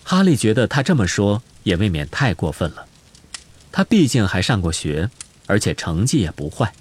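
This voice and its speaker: A man narrates an audiobook in a low, slightly husky voice. His storytelling is expressive, with a lively, rising and falling delivery. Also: normal speed. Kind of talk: scripted narration.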